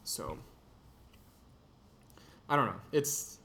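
A man's voice: lowish voice, very animated, extremely slow, creaky, bright, forceful tone, slight background noise. A young man from Texas, a podcast guest, chatting casually with many "like" and "you know" fillers. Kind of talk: casual conversation. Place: indoor room in Chicago.

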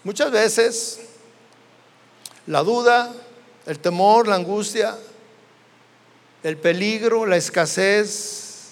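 A Mexican man preaching with a very high voice, his words trailing off into the long reverb of a church hall. He tells the story dramatically and acts out the voices of its people. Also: drawn-out words, long pauses. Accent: Mexican Spanish. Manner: dramatic storytelling, acting out biblical dialogue. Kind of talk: sermon.

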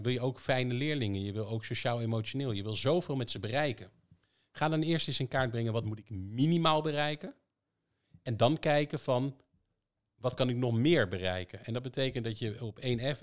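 A man talking in a relaxed podcast conversation, explaining how his company's system works for schools and stressing his points with many rhetorical questions. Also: on the low side. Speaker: education software provider.

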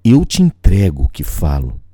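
Male poet-performer: low, breathy voice, unhurried sensual phrasing, dramatic recital. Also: huge pitch swings, dark tone, no room sound, clean studio sound. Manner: deliberate, sensual, pausing between short phrases. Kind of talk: dramatic spoken-word poetry recital.

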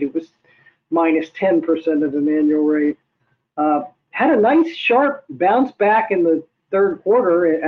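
An older man, an economist, explaining figures in a measured way with many hesitations. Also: on the high side. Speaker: guest economist. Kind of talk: interview answers. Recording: tinny phone-like line.

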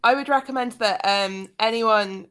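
A woman co-hosting a casual book podcast, talking in a relaxed, conversational way. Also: fairly high pitch, smooth. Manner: relaxed, conversational, quick agreeing asides. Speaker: podcast co-host discussing a book. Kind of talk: casual chat.

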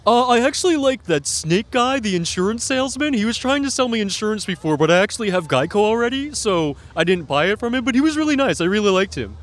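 A man's voice: high-pitched, very animated, quick pace, hardly any pauses. A man voicing a timid, goofy monster who lives under the bed, talking bashfully as a puppet at a haunt event. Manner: goofy, bashful, nervous joking.

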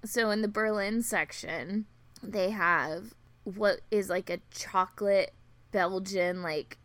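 A woman's voice: mid-range voice, fairly even intonation, takes it slowly, a bit bright, no room sound. A woman chatting casually as a podcast co-host, giggly and self-deprecating, her speech slightly thick and slurred as if from a swollen tongue. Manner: giggly, self-deprecating, filler-heavy rambling. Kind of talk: casual chat.

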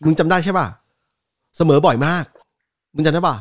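A man's voice: on the high side, brisk, slight background noise. A man co-hosting a casual football podcast, emphatic and slangy. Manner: animated, emphatic, crude slang. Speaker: podcast co-host.

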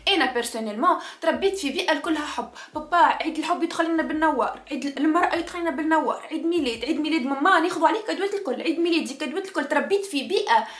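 Tunisian woman ranting to camera, talks fast, keeps repeating stuff for emphasis, echoey room. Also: high-pitched, expressive, a bit bright. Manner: passionate, emphatic, repeats key phrases. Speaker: vlogger. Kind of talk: spontaneous monologue to camera.

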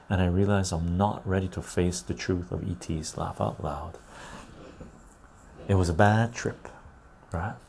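A man's voice: low voice, gravelly, darkish tone, slight background noise. A man hosting a live stream, reading viewer comments aloud and riffing on them in casual chat, often tagging "right?".

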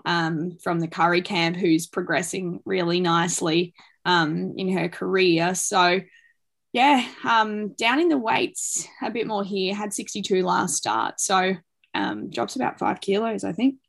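An Australian woman runs through her picks in a fairly low voice. She sounds informal and a little hesitant, giving unscripted commentary on horse racing as a panel tipster. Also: a little slow, gravelly. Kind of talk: casual unscripted tipping commentary.

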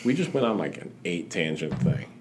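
A man's voice: deep voice, very animated, fairly quick, slight background noise. A man hosting a podcast, chatting casually and rambling with lots of restarts and fillers. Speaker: podcast host. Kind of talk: casual chat.

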